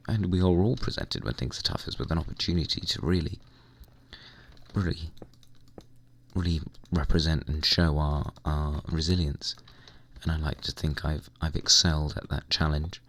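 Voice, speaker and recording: A young man with a hoarse, croaky voice, chatting casually and rambling while playing a computer game. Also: rumbling low, a bit bright. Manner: rambling, chatty, mild swearing. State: hoarse, recovering lost voice. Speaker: gaming vlogger. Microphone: desk microphone at computer.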